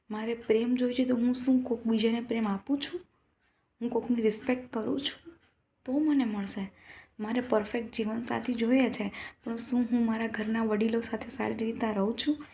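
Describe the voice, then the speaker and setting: A woman's voice: on the high side, gravelly, darkish tone, slight background noise. A woman giving an earnest motivational talk to her followers, lecturing with many rhetorical questions. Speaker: motivational speaker.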